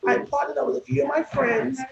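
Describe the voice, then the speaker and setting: A woman's voice: sits high, level tone, fast talker, creaky, background noise. A woman chatting casually on a live stream as a restaurant owner and guest, her speech slightly impeded by braces. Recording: echoey, dull live stream with crowd chatter.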